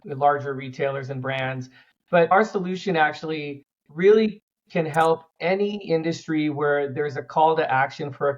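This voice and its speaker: A man's voice: fairly high pitch, lo-fi sound. A man who is a company cofounder and a guest on an interview podcast, adding his own points in an upbeat way.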